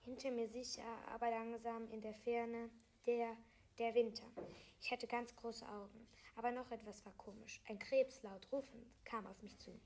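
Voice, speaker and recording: A woman reading aloud a self-written fantasy story, halting, with small slips and restarts. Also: a little high, flat delivery, a little mellow, slight background noise.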